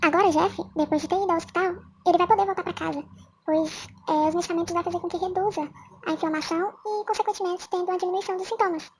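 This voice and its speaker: A man narrating a story in a jokey, chatty way, his voice sped up and pitched into a chipmunk voice. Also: fairly even intonation, fast, slight background noise. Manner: jokey, chatty, self-mocking.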